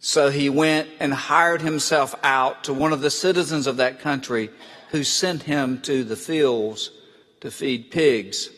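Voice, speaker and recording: A man's voice: mid-range voice, a bit bright. Man reading scripture in an echoing church. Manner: measured, deliberate reading. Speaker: scripture reader. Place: church sanctuary. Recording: echoey church with long reverb.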